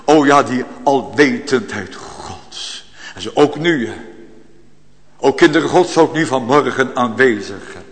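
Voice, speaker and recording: A man preaching a sermon with fervour, swinging from hushed tones to loud outbursts. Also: medium pitch, expressive, unhurried, in a large hall. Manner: fervent, swinging from hushed to loud, frequent tag "hè".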